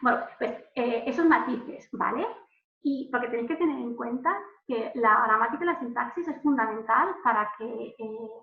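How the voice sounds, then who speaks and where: A woman's voice: on the high side, normal speed. A woman from Spain, giving an informal online lesson as a language examiner, chatty, with many fillers and restarts. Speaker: language proficiency examiner and teacher. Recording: phone-like audio in an echoey room.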